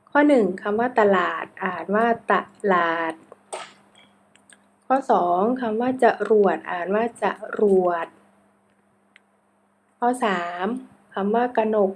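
Woman teacher reading quiz answers one by one, slow and careful, says how each word sounds. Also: mid-range voice. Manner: measured item-by-item reading, spelling out pronunciations. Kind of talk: reading exercise answers aloud.

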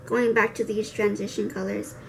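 A woman's voice: mid-range voice, level tone, moderate pace, a little hiss or hum. A young adult woman chatting casually through a makeup tutorial, saying r like w, with playful, self-deprecating, slangy asides. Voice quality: soft r sounds, r said like w. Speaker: makeup vlogger. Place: indoor room with cloth backdrop, seated before camera.

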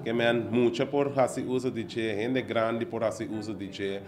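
A man's voice: mid-range voice, level tone, normal speed, crowd noise. A middle-aged man, earnestly explaining his business into a handheld mic in a news interview indoors. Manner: earnest, explaining step by step with many fillers. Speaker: business owner being interviewed. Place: indoor office at an opening event. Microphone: handheld reporter mic held close.

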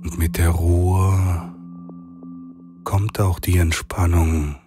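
A man narrating a guided sleep meditation like a soothing sleep-story narrator, with long pauses between phrases. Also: deep voice, flat delivery. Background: meditative singing bowl music.

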